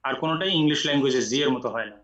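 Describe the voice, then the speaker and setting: A man teaching Quran recitation in an online class, explaining rules patiently and reciting slowly with long drawn vowels. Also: mid-range voice, a bit bright. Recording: echoey room, muffled audio.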